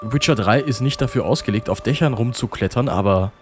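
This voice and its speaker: A man's voice: medium pitch, a little fast. Man, let's play commentary, playful, jokey, reads game text, faint music behind. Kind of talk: casual gameplay commentary.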